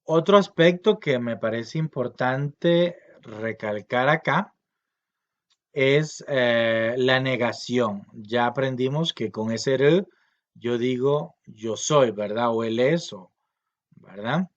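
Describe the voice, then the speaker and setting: A man giving a recorded grammar lesson, explaining patiently with many fillers and slowly repeating example words. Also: medium pitch, highs cut off. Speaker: language teacher.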